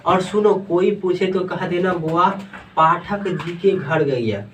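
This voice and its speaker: A man teaches a class, reading a story aloud and stopping to ask his students questions. His voice sits a little high. It is recorded from a distance in a classroom, so he sounds far from the mic. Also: slow, slight background noise. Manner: reads aloud then quizzes students with questions.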